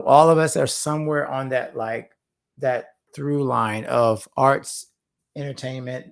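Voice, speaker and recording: This male host, the founder of a faith-focused creative platform, chats casually with viewers on a livestream. His mid-range voice is gravelly and slightly hoarse after a long session, and he speaks earnestly, repeating words for emphasis and drifting into rambling asides.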